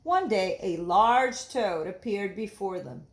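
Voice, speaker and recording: With a mid-range voice, a woman reads a children's story aloud like a teacher, expressive and deliberate, explaining things along the way.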